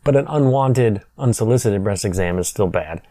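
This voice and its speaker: Man, podcast co-host, wry, laughs a lot, low mellow voice, dry close sound. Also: lively intonation, moderate pace, no echo. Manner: wry, laughs often while recapping scenes. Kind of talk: casual movie review chat.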